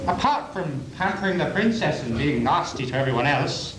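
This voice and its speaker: A man's voice: a little high, expressive, normal speed, close to an everyday voice. A man playing a grand, wry dream spirit in a community pantomime, with declamatory theatrical delivery. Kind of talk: community pantomime stage acting. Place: on stage in a school hall. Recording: noisy, echoey 1980s school hall video.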